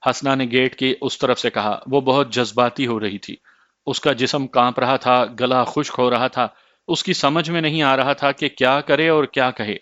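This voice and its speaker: A man reading a story aloud as narrator in a steady, measured way, in a slightly muffled dry recording. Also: medium pitch, dry recording.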